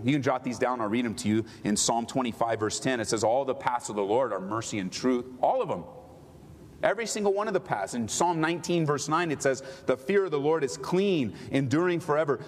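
A middle-aged male pastor preaching a sermon, swinging between loud pleading and quiet tender talk. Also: medium pitch, big-room sound, slight background noise.

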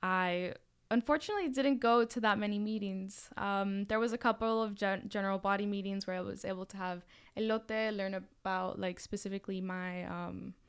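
A woman's voice: mid-range voice, fairly even intonation, normal speed, clear, resonant tone. A young woman from Miami talking casually on a podcast as a student club leader, chatty and full of fillers. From Miami, Florida. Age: young adult. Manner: chatty, with many fillers and restarts.

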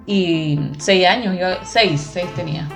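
A woman's voice: on the low side, measured pace, faint music behind. A Venezuelan woman being interviewed, telling a personal story with feeling and acting out the voices of her family. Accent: Venezuelan Spanish. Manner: animated, acts out quoted voices.

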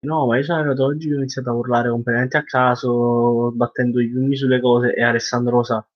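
A man's voice: medium pitch, little pitch movement, quick pace. Young man chatting, slightly muffled. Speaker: podcast co-host. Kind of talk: casual chat. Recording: dull lo-fi online call audio.

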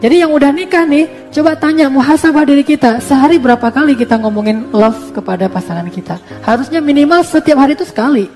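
A man's voice: extremely high pitch, quick pace, hardly any pauses, a little mellow, faint music behind. A man giving a casual religious talk as a preacher, in a playful, joking way. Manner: playful, joking, teasing delivery.

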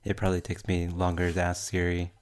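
A man with a broad New Zealand accent, talking casually about tech as a podcast panelist in a measured way, pausing mid-sentence. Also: sits low, monotone, smooth.

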